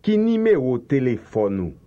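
A man's voice: mid-range voice, very animated, normal speed, dark tone. A man repeating phrasebook lines for a language course in a careful, lilting way. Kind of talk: slow scripted phrasebook drill. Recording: dull lo-fi tape recording.

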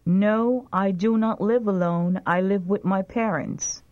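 A woman reads phrasebook sentences for a language course at a very slow, carefully enunciated pace. Her pitch sits in the middle range. The sound is dull and lo-fi, like an old lesson tape. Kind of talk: slow scripted phrasebook drill.

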